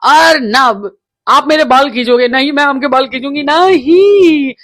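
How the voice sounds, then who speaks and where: A woman's voice: high-pitched, measured pace, fairly bright tone, no echo, studio quality. A woman in a casual roast commentary, speaking in a taunting, mocking way.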